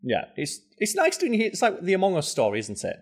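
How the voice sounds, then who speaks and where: A man co-hosting a podcast in casual chat, animated and swearing, his voice jumping up when he mimics people. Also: a little fast, slightly rough. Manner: animated, swearing, pitch jumping up in mock quotes. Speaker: podcast co-host.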